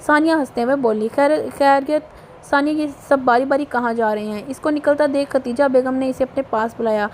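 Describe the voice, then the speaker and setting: A woman with a Pakistani Urdu accent reading a romance novel aloud, voicing every character in a lively way. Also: high voice, brisk, hardly any pauses, slight background noise. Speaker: audio novel narrator.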